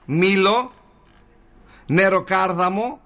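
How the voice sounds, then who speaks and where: A man's voice: high voice, pushed and bright. A Greek man hosting a morning radio show, playful and teasing, trading banter with his co-hosts. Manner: playful, teasing, retells stories with voices. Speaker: radio host.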